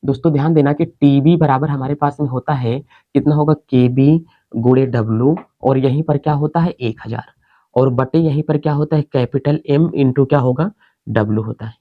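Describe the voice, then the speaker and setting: A man's voice: mid-range voice, moderate pace, dry recording, narrow, tinny audio. A male teacher giving an exam-prep chemistry lecture, explaining step by step and answering his own questions.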